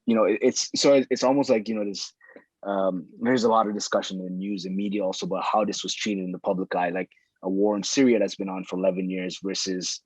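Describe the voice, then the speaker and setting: A man's voice: low-pitched, level tone, quick pace, slightly rough, no room sound, low-quality recording. A man in casual conversation, thinking aloud and circling back on his phrases.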